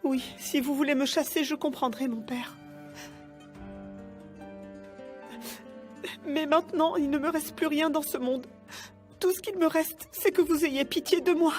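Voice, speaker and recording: A woman's voice: on the high side, steady tone, normal speed, natural voice. An actress in a dubbed telenovela playing a remorseful woman with nowhere to go, begging for pity. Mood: remorseful, pleading. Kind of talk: dubbed telenovela drama acting. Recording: soft music behind.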